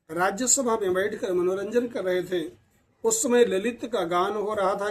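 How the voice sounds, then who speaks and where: A male storyteller narrating a devotional tale in a reverent, measured way. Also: sits high, low-quality recording.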